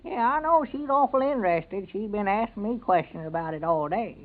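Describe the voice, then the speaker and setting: An actor playing a sheepish, bumbling country husband, high-voiced and hesitant, with a rural Southern American accent in a radio comedy. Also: male voice, expressive, fairly quick. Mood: sheepish, evasive. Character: sheepish, evasive country husband and bumbling small-town constable. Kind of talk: old-time radio comedy serial acting. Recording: narrow, tinny vintage radio recording.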